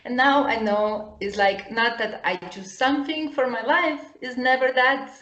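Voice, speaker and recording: A woman of thirty from Lithuania, a guest chatting casually over a call and often pausing to search for English words. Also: a little high, fairly even intonation, fairly bright tone, muffled recording. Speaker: guest, upcycling designer and potter. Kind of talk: casual chat. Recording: roomy echoey sound.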